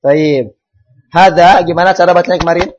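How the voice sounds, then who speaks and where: A man's voice: high-pitched, fairly even intonation, normal speed, lo-fi sound, slight background noise. A man teaching an Arabic class, calling on students to read and patiently repeating words and their meanings.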